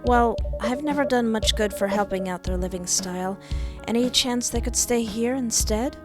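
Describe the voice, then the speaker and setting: A woman's voice: fairly high pitch, moderate pace, over music, close to an everyday voice. A woman voicing a caring, frank and slightly awkward young female neighbor in a story game, casual and reassuring.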